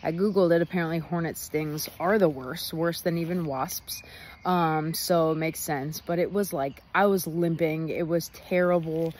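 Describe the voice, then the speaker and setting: A young woman talks through her day in a loose, rambling travel-vlog recap with a slightly low voice. She laughs easily. Faint road noise hums behind her phone recording. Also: moderate pace, a little mellow. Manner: chatty, rambling, laughs often. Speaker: travel vlogger. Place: outdoors near a highway.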